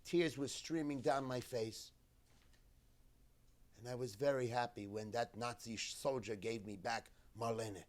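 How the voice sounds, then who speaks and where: A cantor giving a keynote address at a memorial gathering, retelling a survivor's story in the first person with a measured, deliberate delivery in short phrases. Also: male voice, mid-range voice, fairly even intonation.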